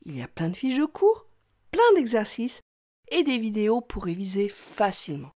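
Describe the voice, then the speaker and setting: A woman teaching young children to read, talking slowly in an exaggerated, sing-song way. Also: medium pitch, sing-song, darkish tone, no echo, studio quality. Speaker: reading teacher. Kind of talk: children's reading lesson.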